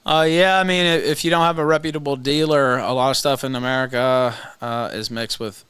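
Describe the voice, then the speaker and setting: A man hosting a livestream with casual commentary, speaking hesitantly with pauses. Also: medium pitch, steady tone, fairly bright tone, clear, resonant tone, no echo, clean studio sound. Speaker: livestream host.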